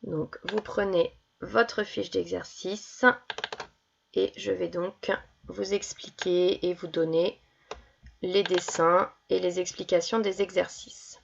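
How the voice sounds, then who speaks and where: A woman's voice: mid-range voice, gravelly, dull audio. A woman teacher explains worksheet exercises to young children, carefully stretching out each word for dictation. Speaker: schoolteacher.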